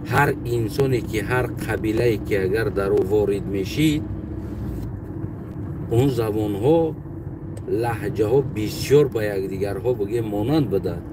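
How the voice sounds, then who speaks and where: A man with a Tajik accent talking in a casual monologue, halting and often pausing to search for his words. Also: lowish voice. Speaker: commentator. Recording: distant mic with loud outdoor traffic noise.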